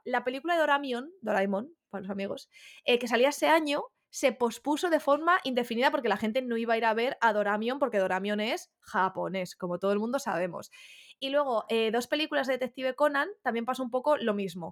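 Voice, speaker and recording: A woman from Spain co-hosting a podcast in casual chat, playful and chatty, acting out quoted voices. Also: a little high. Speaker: podcast co-host.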